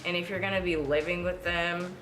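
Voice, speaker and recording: Brisk and steady in tone, this woman's lowish, fairly bright voice carries over soft background music. She's a beauty vlogger in her twenties, doing her makeup in front of a mirror at home and chatting rambly and casually to her viewers with plenty of fillers.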